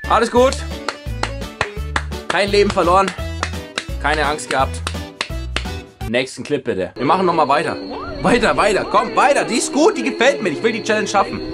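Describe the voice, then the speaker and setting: Excitable joking young-sounding guy, music behind. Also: high-pitched, a little fast, pauses often. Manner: excitable and joking, swings from loud outbursts to hushed nervous mutters. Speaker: YouTuber reacting to scary videos. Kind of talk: casual reaction commentary. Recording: music playing underneath. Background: background music.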